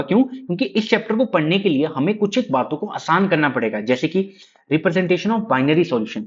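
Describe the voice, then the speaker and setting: A man's voice: fairly high pitch, lo-fi sound. A man teaching a chemistry class in Hindi with terms. He keeps asking questions and answering them himself, and he calls his students "beta". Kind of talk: classroom lecture.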